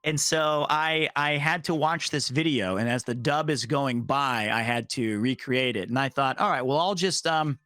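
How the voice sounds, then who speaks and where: A man and voice actor telling a strange work story in casual chat, animated and acting out the voices he quotes. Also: mid-range voice, moderate pace, few pauses, clean tone, no echo, clean studio sound.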